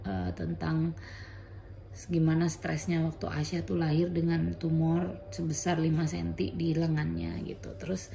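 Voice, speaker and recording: A woman with a low, gravelly, mellow voice tells her own story in a relaxed vlog. She retells conversations in a chatty way and slips English medical terms into her talk. A faint hiss sits under her voice. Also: a little slow. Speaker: mother sharing her thyroid cancer experience.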